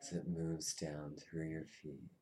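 A man with a very low, deep voice guides a meditation, speaking unhurriedly. His instructions are soothing and soft, and he often sinks to a whisper. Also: monotone, a little slow, a little hiss or hum.

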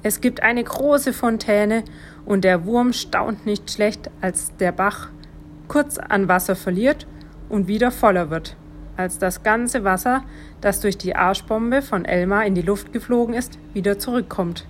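A woman volunteer reading a children's story aloud, calm and gentle. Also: medium pitch, measured pace, slight background noise.

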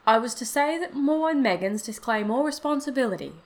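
A woman's voice: mid-range voice, lively intonation, moderate pace, lightly acted. A woman doing an uneasy formal messenger. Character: ill-at-ease male company messenger, formal. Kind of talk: storybook reading.

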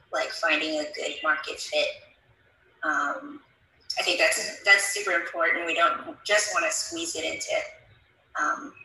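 A woman's voice: sits low, bright, forceful tone, reverberant, a little hiss or hum, poor audio. A woman joining an online audio discussion over a bad connection that breaks up, speaking hesitantly with many fillers and restarts. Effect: bad connection, breaking-up call audio. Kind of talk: casual discussion. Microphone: remote call.

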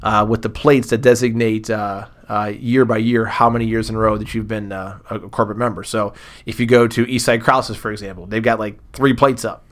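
A man, a former booster club president, chatting on a podcast and telling lively anecdotes. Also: lowish voice, a little fast. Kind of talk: casual podcast storytelling.

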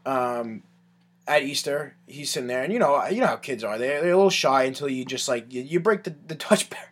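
A man's voice: medium pitch, lively intonation, brisk, a bit bright. Rambling young man telling stories. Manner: rambling, filler-heavy with lots of "like" and "um". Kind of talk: casual chat, storytelling.

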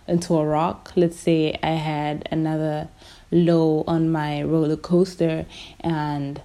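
Mellow-voiced young woman podcasting. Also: low-pitched, little pitch movement, takes it slowly. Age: young adult. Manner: candid, conversational. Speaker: podcast host. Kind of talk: casual chat, personal monologue.

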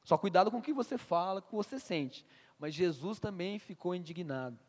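A man's voice: high voice, expressive, a little fast. A man preaching a sermon as pastor, asking the congregation questions and restarting words as he goes. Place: church hall with long reverb. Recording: reverberant church hall.

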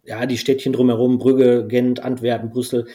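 Here the Belgian podcast guest, a native Dutch speaker, keeps a mid-range, dark voice with little pitch movement at a moderate pace. It's relaxed conversation, meandering and full of fillers.

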